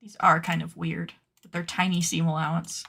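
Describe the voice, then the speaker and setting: A woman streaming casually while she works at a computer, playfully dramatic as she scolds her sewing patterns out loud. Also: on the low side, flat delivery, moderate pace, vocal fry. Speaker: cosplay pattern maker and streamer. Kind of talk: casual livestream chat while working at a computer.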